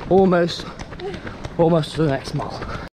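A man's voice: fairly high pitch, measured pace. A man in his twenties with an English accent vlogging casually while running, slightly out of breath. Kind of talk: casual vlog talk to camera. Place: outdoors on a town road during a race. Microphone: action camera at arm's length. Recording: noisy outdoor street with traffic.

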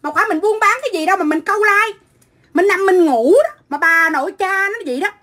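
A middle-aged woman from Vietnam, ranting into her phone on a livestream. Her voice sits high and cuts bright and sharp as she hurls foul-mouthed, combative insults. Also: quick pace. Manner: profane, combative, shouting insults. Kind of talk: angry livestream rant.

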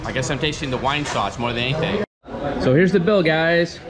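A man in his thirties talks into a handheld camera at arm's length, gushing with enthusiasm as he vlogs. His voice sits a little high for a man. Loud chatter from a busy crowd fills the background. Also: animated, a little fast. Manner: enthusiastic, says wow a lot. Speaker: travel vlogger. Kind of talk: casual travel vlog. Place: seaside restaurant and promenade, indoors and out. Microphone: handheld action camera at arm's length.

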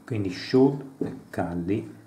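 A man reading a French lesson dialogue aloud slowly and carefully, translating it line by line with quick asides. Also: fairly low pitch, lively intonation, dark tone, roomy sound, slight background noise. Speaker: language learner reading a course aloud.

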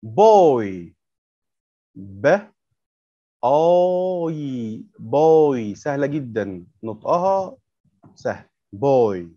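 A man's voice: mid-range voice, big pitch swings, drawn-out words, pauses often, mellow, dry recording, dull audio. A man with an Egyptian Arabic accent teaching English words to young children, patiently repeating words and asking questions. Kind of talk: workbook lesson explained step by step.

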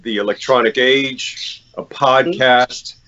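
A man's voice: medium pitch, fairly even intonation, slow, pushed and bright, muffled recording, slight background noise. A man hosting a podcast, praising his guest and often repeating words as he gathers his thoughts. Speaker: podcast host. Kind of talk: casual podcast chat. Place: at someone else's home, not his own.

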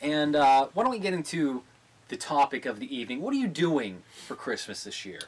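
A man in his twenties, drunk, hosting a podcast with crude, deadpan jokes in an irreverent casual chat. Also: medium pitch, a little fast, a little hiss or hum. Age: 20s. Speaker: comedy podcast host. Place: small indoor studio with green backdrop. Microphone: large desktop studio microphone.

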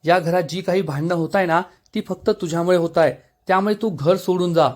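A man's voice: sits high, brisk, close to an everyday voice. A man reading as a bitter angry young woman. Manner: snapping, resentful.

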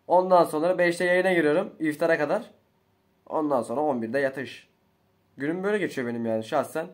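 A young man chats over his gameplay in a fairly high voice. He mutters low while he concentrates, then bursts out loud when things go wrong. His talk is slangy and full of swearing. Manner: excitable, swings between muttering and shouting. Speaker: gaming YouTuber. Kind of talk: casual gameplay commentary.

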